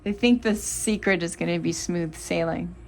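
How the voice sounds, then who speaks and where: A woman's voice: fairly low pitch, normal speed, creaky, slight background noise. A woman giving a tarot reading to her viewers, exasperated, muttering and swearing between cards. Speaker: tarot reader.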